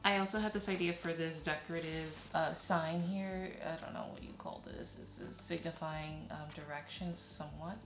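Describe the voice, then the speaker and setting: A woman from Haiti chats casually to camera as she works on a craft, her voice sitting on the low side. She laughs easily and lets her sentences trail off. The room around her is noticeably echoey. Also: fairly even intonation, normal speed, hardly any pauses, music in the background. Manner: chatty, laughs often, trails off. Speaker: vlogger. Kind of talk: casual chat while crafting.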